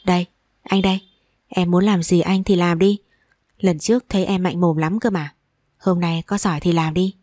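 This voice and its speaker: A playful young boyfriend from a spoken audio story, teasing and coaxing in a low, mellow voice, as a woman narrator reads his lines. He sounds dry and close, with little room sound. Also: fairly even intonation, normal speed, dry recording, natural voice.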